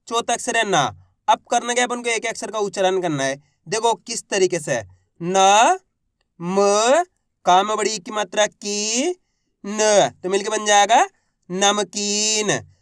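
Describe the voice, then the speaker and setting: A man's voice: sits high, fairly bright tone, no echo, clean studio sound. A man teaching a reading lesson, drawing out each word syllable by syllable and encouraging his viewers. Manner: slow, drawn-out syllable-by-syllable pronunciation; encouraging, addresses viewers as friends. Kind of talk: Hindi reading lesson, sounding out words.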